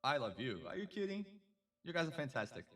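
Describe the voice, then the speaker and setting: A man's voice: on the high side, very animated, a little fast, fairly bright tone, distant mic. A man hosting a casual live stream, chatty and effusive, greeting viewers and a co-host.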